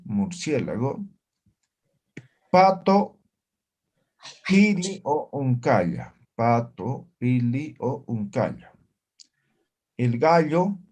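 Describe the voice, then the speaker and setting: A man leads a relaxed online language lesson at an unhurried pace. His pitch moves up and down a lot as he says each word twice. He keeps checking in with the class as he goes. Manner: slow and lively, repeats each word and keeps asking the class "¿no?". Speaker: Aymara language teacher.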